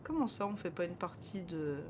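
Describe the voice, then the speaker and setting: A woman's voice: lowish voice, very animated, moderate pace, noisy background. A woman doing casual, playful gaming commentary and chatting with her viewers. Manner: playful, joking. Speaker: live game streamer.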